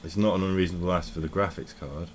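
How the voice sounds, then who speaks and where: A man's voice: low voice, fairly even intonation, fast, a little hiss or hum. A man giving casual, rambling commentary while playing a game, often correcting himself and thinking aloud. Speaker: tech vlogger.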